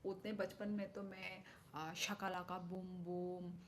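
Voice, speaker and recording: A woman hosting a casual livestream and answering viewers' comments as they come. She talks at an unhurried pace into her phone's mic, musing aloud and now and then sinking into a soft whisper. A faint hiss sits under her voice. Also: fairly low pitch, little pitch movement. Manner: chatty, thinks aloud, drops into soft whispered asides. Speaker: live streamer. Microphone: phone microphone.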